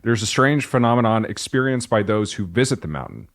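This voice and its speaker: A man's voice: lowish voice, animated, a little fast. A man co-hosting a podcast, reading from his notes in a casual, jokey way and breaking off for asides. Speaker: podcast co-host.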